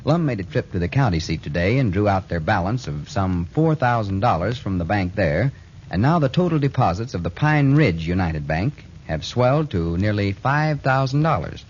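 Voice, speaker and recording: A man's voice: fairly low pitch, big pitch swings, moderate pace, darkish tone, breathy edge. A man reading a folksy sponsor announcement, heard as an old AM radio broadcast from the 1940s. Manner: folksy, persuasive. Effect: old AM radio broadcast sound. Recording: muffled 1940s radio recording.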